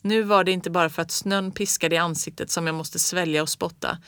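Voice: medium pitch, steady tone, fairly bright tone, smooth, no room sound. A reader narrating a children's book in the first person, read close to a studio mic. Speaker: audiobook reader.

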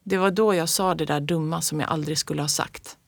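A reader narrating a children's storybook in the first person of a child, in a calm, gentle, even way. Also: mid-range voice, creaky, slightly rough, dry recording. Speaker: audiobook reader.

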